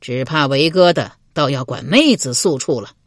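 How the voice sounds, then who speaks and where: A woman narrator voicing a suspicious, jealous middle-aged male lord in a historical novel reading, cold, sneering and deliberate. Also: low-pitched, lively intonation, dry recording, studio quality.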